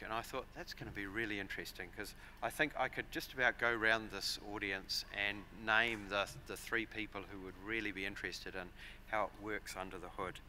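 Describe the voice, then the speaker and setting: A New Zealand man in his forties gives a conference presentation from a lectern in a large hall, speaking into lectern microphones. His lowish voice is bright and forceful, and his measured, explanatory talk has frequent fillers and restarts. Slight background noise is present.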